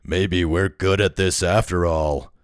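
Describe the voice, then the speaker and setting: A gruff, rough-voiced gang boss from a fantasy audiobook who taunts his men in a slow, mocking drawl. The voice sits deep, as a man takes on the part and the sound is dry. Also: fairly even intonation, dry recording. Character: low, rough male gang leader.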